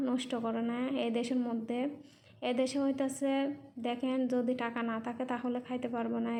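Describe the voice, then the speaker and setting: A mother living in Malaysia narrates a casual vlog in a warm, somewhat high voice, with slight background noise. Bengali isn't her first language, and her accent carries Chittagong regional influence; she repeats and rephrases things in simple words.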